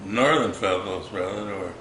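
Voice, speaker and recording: An elderly man, a war veteran, recalling his service in an interview in a halting, reflective way with formal wording. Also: low voice. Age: 80s or older. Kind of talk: old veteran remembering, unscripted interview recollection. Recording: echoey room with background noise.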